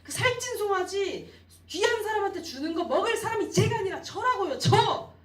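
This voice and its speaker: A woman preacher voicing a resentful young man who accuses his father, pleading and rising to a shout. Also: very high-pitched, animated, normal speed, pitched above the performer's own voice. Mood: indignant. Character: resentful indignant elder son, young man. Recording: roomy echo, distant mic.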